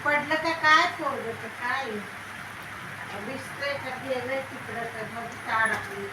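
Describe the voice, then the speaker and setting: Woman, rural Marathi accent, higher voice, casual household chat, picked up from afar amid clear noise. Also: a little slow. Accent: rural Maharashtrian Marathi. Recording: echoey, distant, noisy home video.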